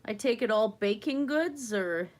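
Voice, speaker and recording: A woman's voice: a little high, lively intonation, a little slow, darkish tone. A woman with a slightly wheezy breath, chatting casually as she hosts an art livestream. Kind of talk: casual chat while painting.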